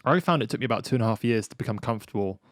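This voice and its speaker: A man hosting a podcast in a relaxed, rambling way, full of "like" and "you know". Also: lowish voice, rapid-fire, no echo, studio quality. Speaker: podcast host. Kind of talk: casual conversation.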